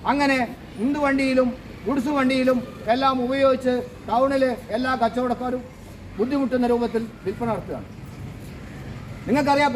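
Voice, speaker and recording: A man's voice: very high voice, noisy background. A man addressing a protest march as a trade association leader, delivering an impassioned, accusing speech full of rhetorical questions.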